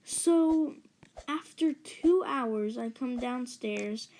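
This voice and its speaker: A chatty woman narrates a personal story over gameplay in a fairly high voice. She talks slowly and rambles, throwing in dramatic gasps. A faint hiss sits under her voice. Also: a little mellow, rough recording. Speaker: gaming channel storyteller.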